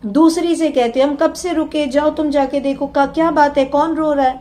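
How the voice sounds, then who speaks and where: A woman lecturer giving a religious sermon, telling a story and mixing English words into Urdu, ending in a slow, soft prayer. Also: sits high, steady tone.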